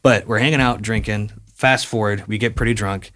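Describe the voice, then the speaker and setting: A man's voice: lowish voice, steady tone, a little fast, a bit bright. A young man, a musician, guesting on a podcast and telling rambling stories in casual chat, full of fillers and restarts.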